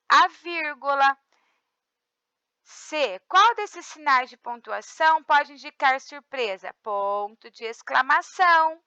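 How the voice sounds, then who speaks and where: A Brazilian teacher with a high, bright voice reads a lesson aloud, pausing often to check that her students follow. The sound is dry and a little dull, like a modest home recording. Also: no room sound. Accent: Brazilian Portuguese. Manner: reads textbook aloud, checks in with frequent tag questions. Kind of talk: recorded remote class lesson.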